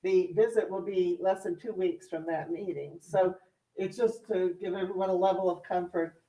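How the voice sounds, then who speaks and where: A woman explaining something at a board meeting in hesitant, measured phrases. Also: lowish voice, fairly even intonation, mellow. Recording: echoey room, distant microphone.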